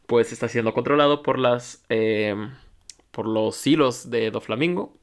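A man's voice: medium pitch, unhurried. Wry man recapping manga. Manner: wry, joking, acts out quotes. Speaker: podcast co-host. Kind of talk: casual chat recapping manga chapters.

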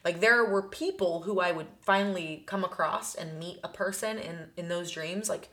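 Young woman co-host, slightly low pitch, rambling conversational delivery. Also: normal speed, fairly bright tone. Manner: rambling, heavy use of "like". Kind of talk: casual chat.

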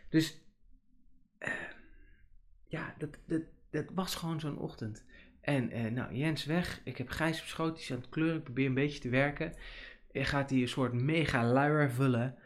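A man's voice: medium pitch, moderate pace. Chatty man rambling on a podcast. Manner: chatty, rambling, many fillers and restarts. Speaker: podcast host. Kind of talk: casual podcast monologue.

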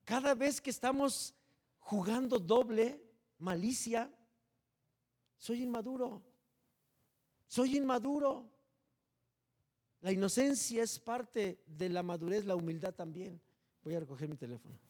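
A man preaching a sermon as pastor, animated and joking, swinging between loud and hushed. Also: high-pitched, normal speed.

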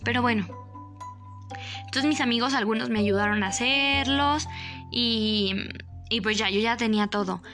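Animated young Mexican woman telling a story. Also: normal speed, pauses often, faint music behind. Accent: Mexican Spanish. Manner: animated, dramatic, jumps up in pitch for emphasis. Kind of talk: casual storytelling to camera.

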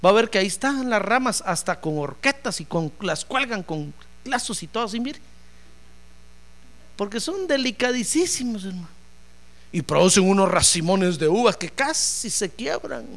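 A man preaching a sermon in an animated, joking way, acting out voices as he tells the story. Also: sits high, moderate pace.

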